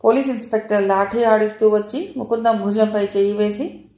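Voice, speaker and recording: A woman reading a family drama novel aloud with steady, expressive storytelling. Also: mid-range voice, a little fast, echoey room. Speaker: audiobook narrator. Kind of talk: scripted narration of a novel.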